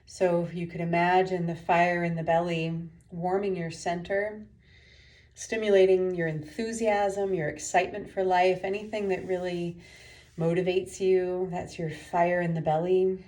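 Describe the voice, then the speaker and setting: Gentle and unhurried, a meditation teacher leads her session with pauses between instructions; her voice is lowish and her delivery flat.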